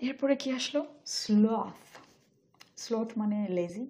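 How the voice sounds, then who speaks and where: A woman teaching English pronunciation, saying each word slowly twice and then explaining it. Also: medium pitch, fairly even intonation, warm tone. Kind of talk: spoken language lesson.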